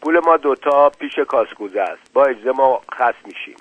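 A man's voice: medium pitch, expressive, slightly rough, dry recording. A man voicing a polite male gambler who speaks in a courteous, soothing way. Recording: dull lo-fi dry recording.

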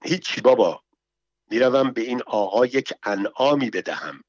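A man reads a cowardly nobleman who stretches each word out slowly, in a dry, close recording with a muffled, narrow sound. The voice keeps to a middle pitch, dragging nervously through short phrases of broken Arabic. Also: expressive, no room sound, lightly acted. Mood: fearful. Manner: slow, drawn-out mock-Arabic phrases. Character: scheming cowardly Persian nobleman, hapless groom. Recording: dull, muffled audio.

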